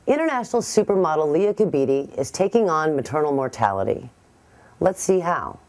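Low, lively woman hosting a show. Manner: measured and serious. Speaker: show host. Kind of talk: scripted television hosting.

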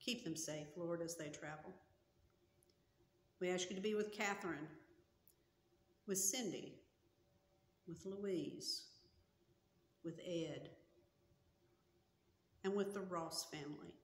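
An older woman pastor in her sixties delivers a sermon in a slow, measured way. Her voice rings through a small church sanctuary with a long, hall-like reverb, picked up by a camera set just in front of her. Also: on the low side. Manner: slow, earnest and measured, with gestures. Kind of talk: sermon and prayer. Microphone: camera in front at chest height.

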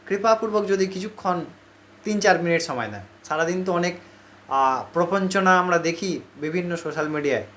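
A man's voice: on the high side, fairly bright tone. A man telling a devotional story in a conversational sermon style, repeating phrases for emphasis and voicing the characters himself. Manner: conversational, repetitive, acts out the characters. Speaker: religious storyteller.

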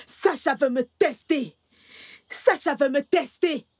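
An actress dubbing a proud, scheming gang matriarch in a film. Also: female voice, sits high, takes it slowly, dry recording, studio quality. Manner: proud, wailing, then coolly menacing. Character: scheming older female gang matriarch, reverend mother. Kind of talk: dubbed film dialogue.

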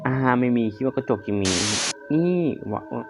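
A man mid-pitched and jumpy, talking over a horror game as he plays, full of startled exclamations and casual swearing. The audio is a bit dull and lo-fi, with loud game music underneath his voice. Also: normal speed. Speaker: game streamer. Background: horror game music and sound effects.

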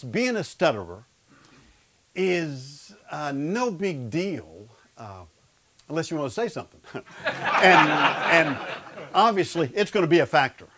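The recording is very noisy, carrying a fairly high-pitched male voice. A man in his fifties, speaker of a men's Bible study, preaches a humorous sermon from an indoor studio stage, lapel mic on, to a seated live audience. He stutters and turns it into a joke.

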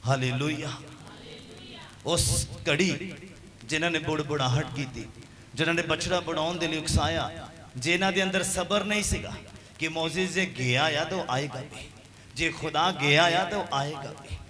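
A man, a pastor preaching a sermon who retells scripture as a story, quoting its figures, and rises into loud calls to his congregation. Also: a little high, moderate pace, a crowd in the background.

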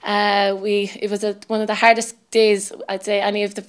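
Young woman, west of Ireland accent, flat intonation, clean resonant voice, athlete's interview answers. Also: mid-range voice, moderate pace, clear, resonant tone. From Galway, west of Ireland. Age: 20s. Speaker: camogie player being interviewed. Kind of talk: reflective sports interview answers. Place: indoor interview set with sponsor backdrop.

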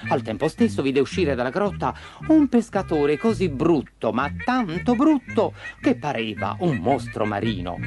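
A man narrating a children's story in an expressive, lively way. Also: a little high.

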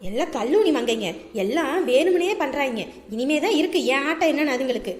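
A woman's voice: high-pitched, lively intonation, brisk, roomy sound, in a large hall. A woman playing an outspoken elderly village grandmother in a comedy skit, scolding and protective with emphatic calls. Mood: indignant.

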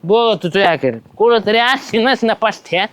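A man playing a tipsy, quarrelsome village man who dodges a debt, with a loud, bickering manner. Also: high-pitched, lively intonation, normal speed, clear, resonant tone. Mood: shouting. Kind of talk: village comedy web series.

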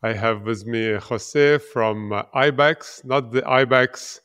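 A man hosts a podcast interview from an office over a video call. His voice is smooth and resonant. He asks his questions hesitantly, with many filler sounds. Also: medium pitch, takes it slowly, fairly bright tone. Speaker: podcast host. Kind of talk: interview hosting. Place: office room, indoors.

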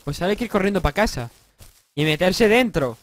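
Brief: young adult male gamer, Spain accent, high and very animated, slightly stuffy from a cold, casual let's-play on a home mic with faint hiss. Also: brisk. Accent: Spanish from Spain. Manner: excitable, swearing, joking, bursts into yells. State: slightly congested, sore throat. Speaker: gaming YouTuber.

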